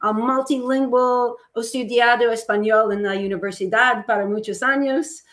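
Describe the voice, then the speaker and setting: A woman who is a trade expert, a native Italian speaker from the United States, gives a casual, chatty, upbeat webinar presentation over a video call. Her voice is fairly high and fairly bright, with a steady tone and a fairly quick pace.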